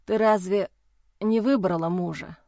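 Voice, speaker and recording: A woman voicing a dazed, injured young man who mumbles slowly and weakly, as if half delirious. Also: medium pitch, vocal fry, mellow, dry recording, clean studio sound. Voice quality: slow, slurred, drained. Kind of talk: audiobook character voice.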